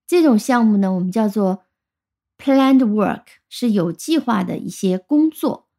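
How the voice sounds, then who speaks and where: Woman teaching English words, mellow voice. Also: medium pitch, expressive. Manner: explains clearly, spells out letters and sounds words out slowly. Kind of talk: recorded vocabulary lesson.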